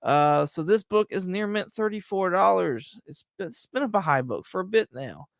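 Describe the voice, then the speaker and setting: A man's voice: high-pitched, animated, normal speed, vocal fry, no echo, clean studio sound. A man hosting a livestream, giving casual, slangy top ten countdown commentary. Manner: informal, slangy. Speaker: livestream host.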